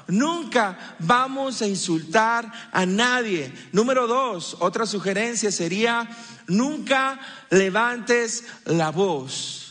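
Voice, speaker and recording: A man's voice: high voice, animated, takes it slowly, a bit bright. A man preaching a sermon as a pastor, mixing humor with teaching and acting out the lines people say. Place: church hall. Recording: live church hall reverb.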